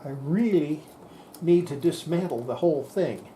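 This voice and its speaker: Unhurried and warm in tone, a man with a fairly high voice demonstrates radio equipment. He explains the technical side informally and hands-on, folksy and plain-spoken, thinking things through out loud, with slight background noise.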